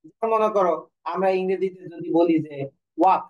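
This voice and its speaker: Man, teacher, online lecture, asks and answers own questions, high voice. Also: steady tone, fairly quick, lo-fi sound. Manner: explains by asking questions and answering them himself; corrects himself mid-sentence. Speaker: Bengali teacher.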